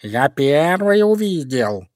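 A man voicing a greedy, rude tomcat in a storybook reading, hissing out slow threats. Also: on the high side, very animated, no room sound, studio quality. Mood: threatening.

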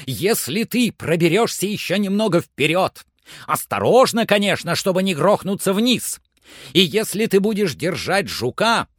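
A man voicing an excitable middle-aged gentleman who shouts urgent orders in an audiobook. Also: high voice, dry recording, clean studio sound, pitched above the performer's own voice, exaggerated voice. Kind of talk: audiobook character voice.

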